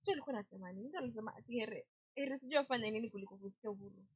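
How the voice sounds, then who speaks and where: Young Kenyan woman, radio co-host; high-ish, husky, chatty banter. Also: very fast, darkish tone, no echo, poor audio. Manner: chatty, mixes English and Swahili slang. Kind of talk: casual radio chat. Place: radio studio.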